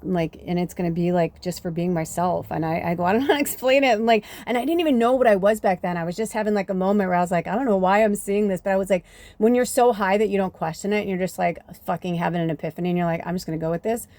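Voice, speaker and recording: A woman's voice: mid-range voice, racing, a little mellow, dry recording. A woman in her fifties giving a rambling, profane, casual tarot reading with lots of fillers. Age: 50s. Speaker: tarot reader.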